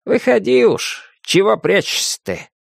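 A man doing a gravelly, grumbling house cat. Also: high-pitched, expressive, a little slow, dry recording, clean studio sound, pitched above the performer's own voice, full character voice. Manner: grumbling, sarcastic. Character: grumpy sarcastic male house cat. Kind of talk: audiobook character voice.

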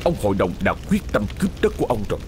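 Lively low-voiced male ghost-story narrator. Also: racing, slight background noise. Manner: dramatic, expressive storytelling. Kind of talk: scripted horror story narration.

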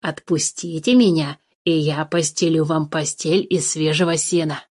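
A woman voicing a sly, greedy male dwarf who guards cave treasure, with a wheedling, drawn-out manner, in a storybook reading. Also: low-pitched, steady tone, a little mellow, husky, pitched below the performer's own voice.

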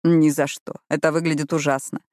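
A woman voicing a calm, self-assured man of twenty-five in an audiobook, speaking with quiet control. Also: low voice, a little fast, no echo, studio quality, close to an everyday voice. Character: calm, confident, arrogant young man, age 25. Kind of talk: audiobook reading.

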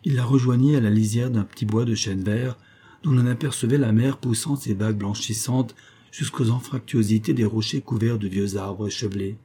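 A man narrating a classic short story in a measured, calm way. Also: on the low side, slightly rough. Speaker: audiobook narrator. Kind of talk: literary audiobook narration.

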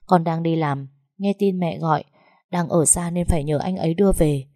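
A woman doing a quiet proud young office girl, curt, low voice, storybook reading. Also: normal speed, no room sound, clean studio sound. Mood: steady.

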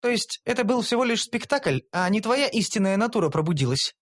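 A sharp-tongued young elf woman in a fantasy audiobook, put on by a male narrator, her voice lifted high above his own. She scolds and sneers in a lively, bouncing tone. Every line carries a scornful bite. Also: brisk. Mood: wary.

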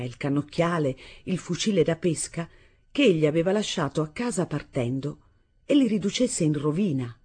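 A woman narrating a literary audiobook in a measured, expressive storytelling manner. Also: sits low, slightly rough. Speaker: audiobook reader.

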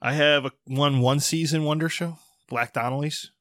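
Casting: man, bright forceful voice, dry close sound, swearing podcast banter. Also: fairly high pitch, fairly even intonation, moderate pace, no echo. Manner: profane, emphatic banter. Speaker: podcast co-host. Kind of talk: casual chat.

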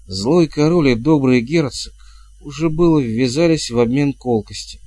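A man reading an audiobook in a measured, steady narration. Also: medium pitch, slightly rough, no echo. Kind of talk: scripted narration.

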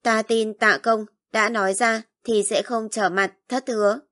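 A woman reading as a calm, resolute young noblewoman. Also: a little high, a little slow, no echo, studio quality. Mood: guarded. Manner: quiet, calm and firm. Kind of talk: audiobook narration.

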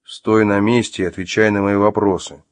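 A man's voice: fairly low pitch, flat delivery, normal speed, no room sound, lightly acted. A man voicing an angry man who interrogates his ex-wife at gunpoint, growling and barking his questions in an audiobook. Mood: furious.

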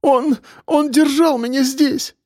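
A man's voice: very high voice, animated, normal speed, a little mellow, no room sound, clean studio sound, pitched above the performer's own voice. A man voicing a sobbing, hysterical young woman. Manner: sobbing, pleading.

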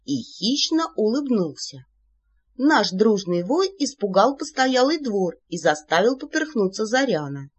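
A woman narrating an audiobook in a playful, animated manner. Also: fairly high pitch, measured pace, slightly rough. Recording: slightly muffled recording.

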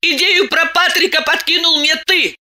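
A shrill, venomous wife in a storybook reading, put on by a woman narrator, raising her voice high in accusation. The voice is bright and swings widely in pitch. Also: big pitch swings, slow pace, full character voice. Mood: furious.

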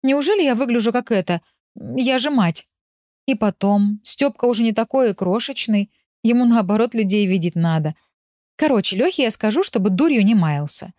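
Audiobook figure: a talkative young mother, pitched up, exasperated, voiced by a woman narrator. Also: animated, normal speed, a little mellow, no echo, lightly acted. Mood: indignant.

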